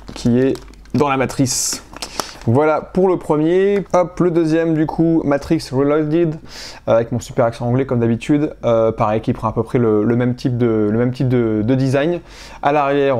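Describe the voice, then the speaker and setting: A man's voice: medium pitch, mellow. Hesitant man showing his collection. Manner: hesitant, many fillers and restarts. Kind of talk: casual unboxing vlog.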